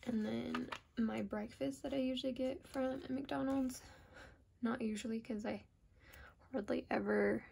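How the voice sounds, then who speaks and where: A woman's voice: fairly high pitch, fairly even intonation, unhurried, gravelly, darkish tone, breathy edge. A woman with an American accent chatting casually and informally in a rambling, self-deprecating plan-with-me vlog, often trailing off mid-thought. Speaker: planner vlogger.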